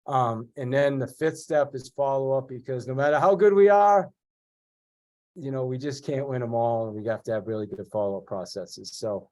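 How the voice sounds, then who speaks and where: This middle-aged man, a real estate agent and sales trainer appearing as a guest, sounds congested from a cold. He speaks at a moderate pace with a medium-pitched voice, coming across as direct and energetic while restarting often in the conversational interview.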